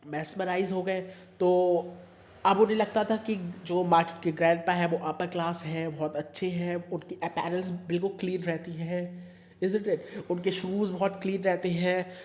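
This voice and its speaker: Teacher mixing Hindi and English. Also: male voice, high-pitched, level tone, moderate pace, a little mellow. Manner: mixes Hindi and English, repeats points, checks in often. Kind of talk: online class explaining a story.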